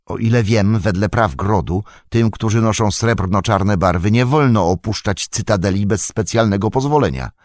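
A man voices Gandalf, the stern old wizard, speaking in a grave, commanding manner. His voice is lowish, pitched above his own natural voice yet close to an everyday one, at normal speed with few pauses and a little mellow. The studio recording is dry and clean.

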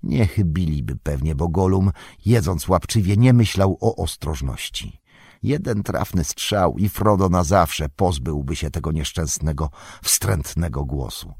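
Powolny, zachrypnięty lektor. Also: male voice, deep voice, darkish tone, husky, dry recording, clean studio sound. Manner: measured, unhurried storytelling. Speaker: audiobook narrator. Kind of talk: scripted narration.

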